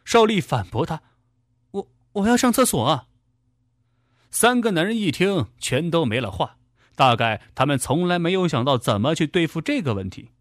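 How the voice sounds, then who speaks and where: A man's voice: a little high, very animated, brisk, dry recording, studio quality. A man narrating a dramatic story in a vivid storytelling delivery.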